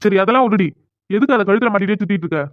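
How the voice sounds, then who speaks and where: A proud, quick-tempered young man in a cartoon drama, voiced by a man. He argues fast and bluntly, with a tinny, phone-like sound. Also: high voice, dry recording, natural voice.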